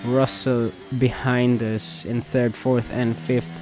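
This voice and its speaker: A man's voice: mid-range voice, flat delivery, takes it slowly, darkish tone, soft background music. A man giving casual, rambling commentary over his own racing game, his voice still recovering from an illness and full of hesitant fillers. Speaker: gamer and video creator.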